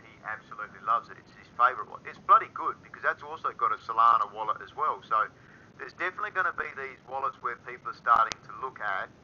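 A man hosting a casual community voice call, relaxed and chatty, calling people dude and mate. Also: medium pitch, dull audio, a little hiss or hum. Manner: laid-back, calls people dude and mate. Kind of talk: casual chat.

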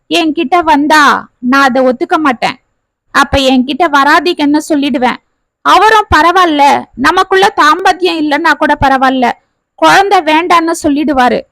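A woman's voice: sits high, a bit bright, no room sound, low-quality recording. A woman voicing a hurt young wife.

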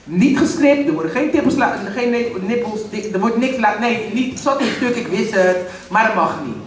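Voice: mid-range voice, moderate pace. A playful host running a poetry slam, announcing the rules with jokes and English catchphrases. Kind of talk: lively stage hosting. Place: reading room at a poetry slam, audience present. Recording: roomy hall with audience, voice from a distance.

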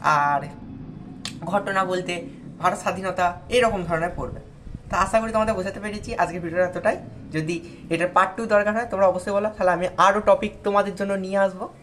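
A woman's voice: mid-range voice, fairly even intonation, fairly quick, fairly bright tone, slight background noise. A woman from India talking straight to students, giving patient, step-by-step advice on speaking in front of others. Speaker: tutor giving exam advice. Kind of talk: instructional talk to viewers.

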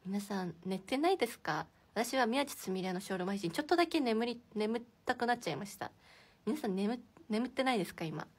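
A woman's voice: mid-range voice, expressive, fast, darkish tone, husky. A young woman hosting a casual livestream from indoors, chatting and giggling as she reacts to viewer comments. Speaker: idol livestream host.

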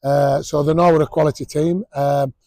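A man's voice: on the high side, steady tone, moderate pace, mellow, no echo, low-quality recording. A man, a rugby coach giving a blunt post-match interview outdoors, full of fillers and restarts. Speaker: rugby league head coach. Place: outdoors at a sports ground.

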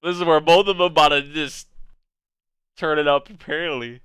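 A young adult man giving casual live reaction commentary, thinking aloud in an informal, halting way. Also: a little high, steady tone, a bit bright, smooth, no room sound. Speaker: anime reaction video host. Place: small indoor bedroom or study.

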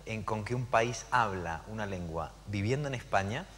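A man from Argentina speaking as a panelist in a live conversation, animated and digressive with frequent hesitations. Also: lowish voice, normal speed. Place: lecture hall at a public event. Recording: hall reverb, faint background noise.

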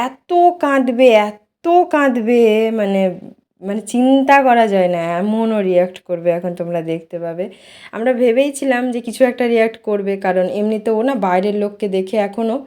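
A woman's voice: mid-range voice, dark tone. A woman narrating her family vlog in a chatty, casual way, with many small fillers. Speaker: vlogger and mother.

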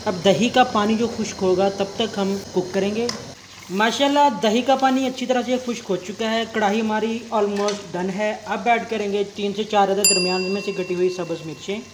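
A man's voice: high-pitched, normal speed, slight background noise. A young man hosting a cooking channel, explaining a recipe step by step in a polite, formal way with religious greetings.

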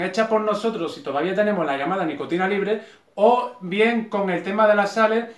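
A man's voice: high voice, a bit bright, reverberant. A man with a Spanish accent talking casually from his sofa, ranting with sarcasm and many restarts. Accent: Spanish from Spain. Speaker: vlogger. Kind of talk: casual opinion vlog. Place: home living room, on a sofa.

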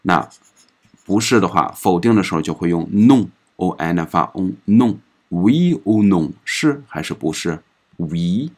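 A man with a very low voice teaching a recorded pronunciation lesson at an unhurried pace. He explains each rule patiently, softening his phrases with small particles, and stretches out each example word, saying it again and again. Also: expressive. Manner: repeats each example word several times, drawn out. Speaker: French language teacher.

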